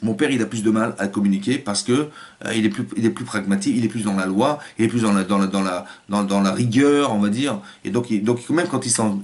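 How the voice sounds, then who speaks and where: A man, a rabbi, giving a Torah lecture in an animated way, acting out family voices and restarting his phrases often. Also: lowish voice.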